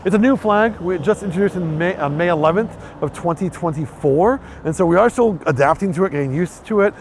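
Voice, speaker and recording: A man's voice: sits high, brisk, slight background noise. A man, chatty and enthusiastic, laughing often as he guides a walking tour through city streets outdoors.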